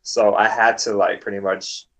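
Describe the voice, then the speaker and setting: A young man with a fairly low voice co-hosts a gaming podcast, talking in a loose, laid-back way. He swears freely and rambles through his stories. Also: level tone, normal speed, fairly bright tone, poor audio. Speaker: podcast co-host. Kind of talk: casual gaming chat.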